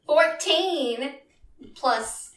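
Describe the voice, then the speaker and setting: A woman playing a tabletop game in casual chat with quick, laughing asides. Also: high voice, animated, slight background noise. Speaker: player. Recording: echoey room with chatter around.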